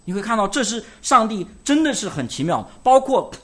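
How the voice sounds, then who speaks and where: A middle-aged male preacher with a somewhat husky voice and a fairly high pitch for a man. His delivery swings widely in pitch as he throws questions out to the congregation and answers them himself. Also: brisk. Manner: lively, rhetorical questions to the congregation. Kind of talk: sermon.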